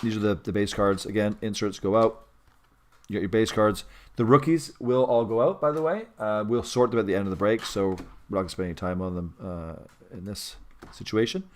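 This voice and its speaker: A man's voice: fairly low pitch, brisk, a little hiss or hum. A man hosting a live card-breaking stream, talking in a chatty, rambling way with frequent self-corrections. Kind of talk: casual live-stream chat.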